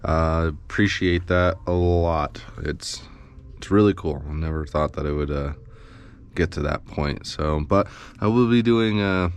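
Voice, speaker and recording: A man's voice: low-pitched, measured pace, smooth. A man explaining a machine repair in a casual, subdued how-to tutorial, thinking aloud as he works in a bowling alley machine pit. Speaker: pinsetter mechanic.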